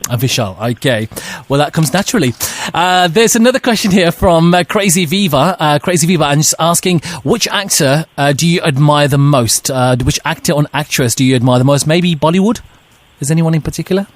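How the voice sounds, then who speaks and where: A man's voice: on the high side, a little fast, no room sound. A man hosting a radio interview, reading out listener questions with frequent fillers. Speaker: radio host. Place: radio studio.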